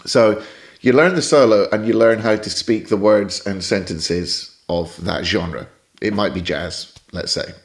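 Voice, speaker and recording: A Scottish man with a British accent, speaking a little slowly in a fairly low voice with vocal fry, is a guest on a podcast. He teaches jazz saxophone and gives thoughtful, explanatory answers, often wandering off on tangents.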